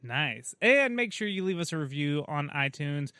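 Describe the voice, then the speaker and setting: A man co-hosting a gaming podcast in loose, self-deprecating chat. He has a high, bright voice and laughs often. The sound is close and dry. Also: sing-song, normal speed, smooth, no room sound. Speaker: podcast co-host. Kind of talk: casual chat.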